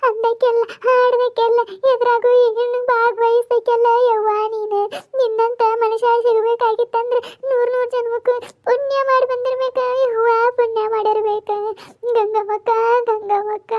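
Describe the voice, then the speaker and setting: Village auntie keening in a cartoon, woman doing her, very high, north karnataka accent, lo-fi. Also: fairly even intonation. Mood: loud mourning. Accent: North Karnataka Kannada. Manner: drawn-out sing-song mourning. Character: village neighbor woman mourning a friend. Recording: muffled lo-fi audio.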